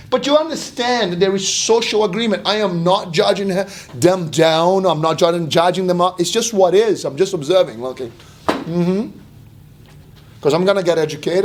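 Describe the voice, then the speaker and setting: A man giving a motivational seminar talk in an animated, rhetorical way, repeating phrases for emphasis and acting out imagined quotes. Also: high voice. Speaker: speaker giving a wealth seminar. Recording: echoey room, distant mic, faint noise.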